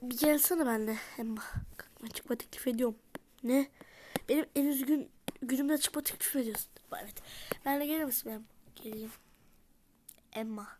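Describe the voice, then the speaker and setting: A woman in whispered role-play, voicing dolls in a game and switching between character voices, often softly whispering. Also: on the high side, a little fast, a little hiss or hum. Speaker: YouTuber voicing dolls in a life-sim game.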